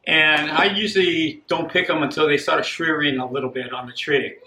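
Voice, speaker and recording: An older man from Costa Rica giving a plain, unhurried home cooking demonstration, repeating himself now and then. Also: fairly high pitch, fairly even intonation, pushed and bright. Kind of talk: casual home cooking demo. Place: echoey home kitchen. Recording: echoey kitchen with clear background noise.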